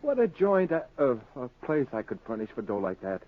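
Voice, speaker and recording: An American actor playing an excitable, grabby working-class husband who blusters and stammers when nervous, in old-time radio drama style. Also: male voice, medium pitch, a little fast, crowd noise, natural voice. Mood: excited, boastful. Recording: tinny, phone-like old radio recording.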